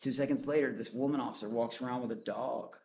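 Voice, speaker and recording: A man's voice: medium pitch, fairly even intonation, quick pace, gravelly, a little mellow, a little hiss or hum. A man guest on a call-in interview, telling his story in a blunt, profane, rambling way. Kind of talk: casual storytelling.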